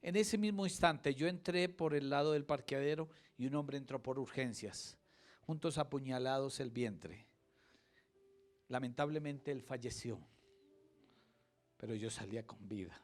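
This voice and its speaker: A middle-aged man preaching a sermon, telling his own testimony with dramatic swings from hushed to loud. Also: medium pitch, measured pace, long pauses.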